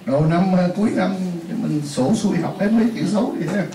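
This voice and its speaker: A man with a high voice talks fast while teaching a class, explaining things chattily with repeated examples and asides. The classroom lesson sounds roomy, picked up by a distant mic with faint hiss.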